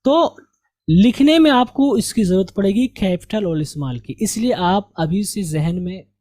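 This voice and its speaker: He has a high voice with a darkish tone and lively intonation, speaking a little slowly. Teaching English letters in a slow, repetitive lesson, he patiently asks the learner questions and answers them himself.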